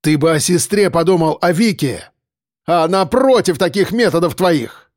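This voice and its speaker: Man voicing a growling middle-aged police major, contemptuous, lively pitch, dry close mic. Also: normal speed, no echo, natural voice. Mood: angry. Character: gruff middle-aged male police major, cold and menacing.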